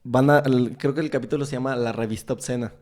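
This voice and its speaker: Presentador mexicano de voz oscura. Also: male voice, medium pitch, steady tone, fast talker, darkish tone. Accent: Mexican Spanish. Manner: chatty, retells scenes at length with filler words. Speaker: podcast host interviewing a guest. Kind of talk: casual podcast conversation.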